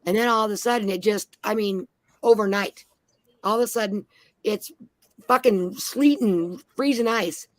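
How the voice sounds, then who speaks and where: A woman's voice: medium pitch, normal speed, dry recording. A woman from Minnesota on a panel, telling blunt, heavily profane stories in casual chat. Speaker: panel guest.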